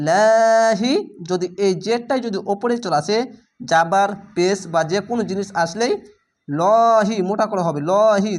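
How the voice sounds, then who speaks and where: Bangladeshi man, Quran teacher, slow patient syllable-by-syllable spelling lesson, drawn-out recitation. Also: high-pitched. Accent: Bangladeshi Bengali.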